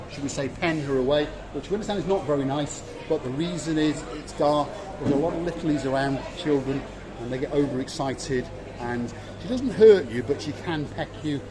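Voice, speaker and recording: Here the Welsh vlogger, a middle-aged man, keeps up his casual commentary on a nighttime harbour walk, joking and repeating words to stress them. He speaks a little fast on the high side, over a crowd and background music, and the recording is rough.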